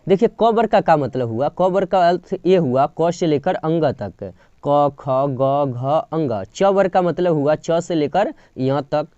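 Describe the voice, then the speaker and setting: A man with a fairly high, mellow voice teaches a grammar lesson, moving point by point and stretching single sounds out as examples. The recording is dry and dull. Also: lively intonation, moderate pace, hardly any pauses, dry recording. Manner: explains step by step, drawing out sounds as examples. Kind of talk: classroom-style grammar lesson.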